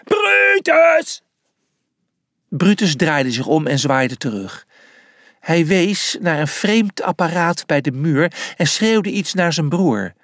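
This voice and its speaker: A narrator reading a children's animal story aloud in a slow, lively storytelling way. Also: mid-range voice, dry recording, studio quality.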